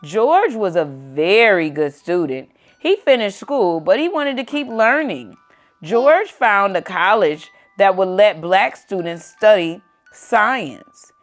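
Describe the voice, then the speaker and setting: With music playing behind her, a woman reads a kids' book aloud in simple language, breaking off now and then to speak to a little child. She talks slowly in a medium-pitched, sing-song voice.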